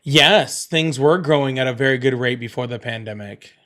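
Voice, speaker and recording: A man's voice: medium pitch, normal speed, fairly bright tone. A man hosting a live call-in stream, talking casually and challenging callers on their exact wording. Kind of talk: casual live political debate.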